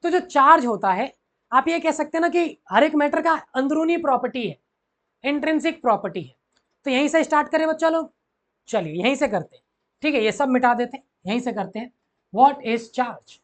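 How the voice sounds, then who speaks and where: A man's voice: very high-pitched, animated, a little fast, fairly bright tone. A man teaching physics to school students, who repeats key phrases and keeps asking the class questions. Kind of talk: classroom lecture mixing Hindi and English.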